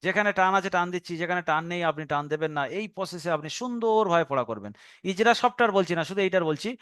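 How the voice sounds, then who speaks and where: Clear high-voiced Bengali teacher, patient. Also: male voice, expressive, fairly bright tone, no room sound, studio quality. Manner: patient step-by-step explaining, slow drawn-out recitation of example words. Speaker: Quran reading teacher. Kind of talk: recorded online lesson.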